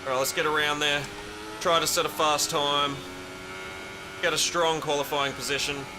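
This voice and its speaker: This young Australian streamer talks a little high, with little pitch movement and a moderate pace, while driving in a racing game. His live chat is rambling and casual, full of offhand swearing and replies to viewers. The game's engine noise runs underneath.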